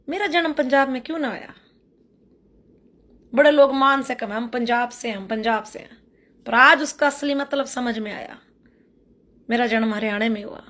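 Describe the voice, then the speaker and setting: Woman going off in a vlog rant, high bright voice, super defiant. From Haryana, India. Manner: fiery, defiant, emphatic. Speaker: social media creator. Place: Canada.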